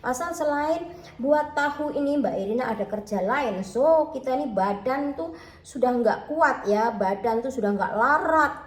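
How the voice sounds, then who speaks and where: An animated, high-pitched voice at a measured pace fills an echoey home kitchen. The speaker, an Indonesian food-selling vlogger with a Javanese accent mixed with Malay, chats casually, keeps saying "teman-teman, ya" to her viewers, and talks about herself in third person.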